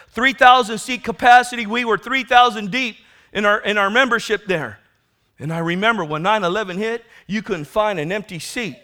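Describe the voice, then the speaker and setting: A man's voice: high-pitched, pushed and bright. A man with an American accent preaching a fiery sermon in an urgent, admonishing, prophetic manner, pressing listeners with rhetorical questions and calls for amens. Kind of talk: fiery sermon calling for repentance.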